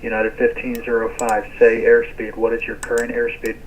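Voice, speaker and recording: A man's voice: mid-range voice, normal speed. A man working as an air traffic controller, giving clipped radio instructions over glitching audio that keeps cutting out. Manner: flat, clipped, routine delivery. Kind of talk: radio phraseology. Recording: muffled radio transmission with faint hiss.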